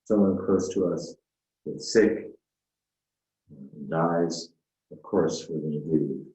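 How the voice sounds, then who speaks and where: A man, a spiritual teacher, giving an unhurried, reflective dharma talk with frequent fillers and asides. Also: a bass voice, mellow, reverberant, poor audio.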